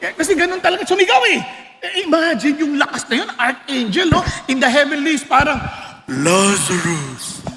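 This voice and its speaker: A Filipino-accented male pastor preaching in a high, bright voice that carries through a long-echoing hall. He moves between Tagalog and English and keeps things light with jokes for the congregation. His tone is lively and direct. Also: fairly quick, a little hiss or hum. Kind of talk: sermon.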